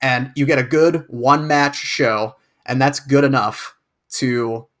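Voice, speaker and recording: A man's voice: mid-range voice, measured pace, a bit bright. A man co-hosting a podcast, chatting casually and thoughtfully over a remote call, often repeating words as he hesitates. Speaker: podcast co-host.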